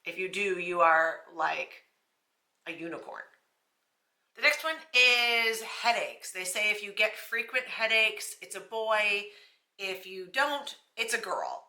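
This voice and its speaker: A woman's voice: mid-range voice, takes it slowly, bright, forceful tone, echoey room. A young pregnant woman from Canada, chatting casually to camera with a self-deprecating, laughing manner. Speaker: vlogger.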